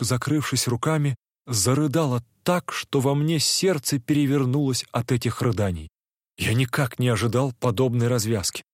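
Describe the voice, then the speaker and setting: A man reading literary fiction aloud in an expressive, emotional storytelling manner. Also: medium pitch, dry recording, studio quality. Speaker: reader.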